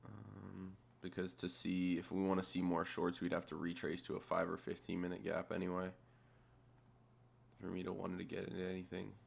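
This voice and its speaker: Man, deep voice, very creaky, casual thinking-aloud commentary, offhand, muttered, sweary. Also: completely flat delivery, moderate pace. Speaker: trader narrating a chart replay.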